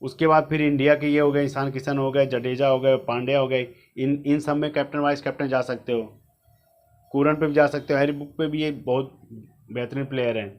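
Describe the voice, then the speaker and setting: A man's voice: medium pitch, steady tone, a little fast, soft background music. A man giving casual, repetitive fantasy cricket advice straight to his viewers. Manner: chatty, repetitive, advising directly. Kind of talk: casual explainer monologue.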